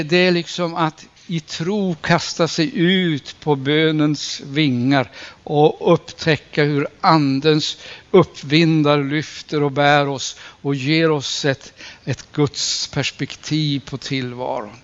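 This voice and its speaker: Earnest preacher man, slightly high voice. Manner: earnest, slows and stresses key phrases, rises when quoting scripture. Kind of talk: sermon. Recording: dull lo-fi recording.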